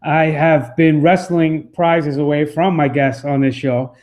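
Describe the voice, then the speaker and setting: A man's voice: fairly high pitch, fairly even intonation, unhurried, darkish tone. A man hosting a podcast interview, talking casually in a rambling way with many fillers. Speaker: podcast host.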